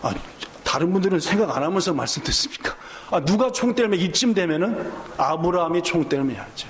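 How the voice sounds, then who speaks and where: High-voiced guy pastor preaching in church, keeps quizzing the crowd, faint background hum. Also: fairly quick, roomy sound. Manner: lively, questioning the congregation and acting out quotes. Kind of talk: sermon. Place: church sanctuary.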